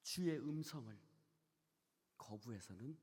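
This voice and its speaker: A man preaching a sermon as pastor. He swings from hushed near-whispers to loud, shouted peaks, and he keeps asking the congregation questions and having them repeat phrases after him. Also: medium pitch, lively intonation, takes it slowly, husky, big-room sound. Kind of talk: Wednesday service sermon. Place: church sanctuary.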